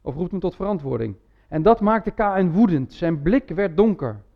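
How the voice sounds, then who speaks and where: A man's voice: high voice, sing-song, moderate pace, vocal fry, phone-quality sound. A man preaching a sermon in a church, talking in a conversational way with frequent tag words and restarts. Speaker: pastor.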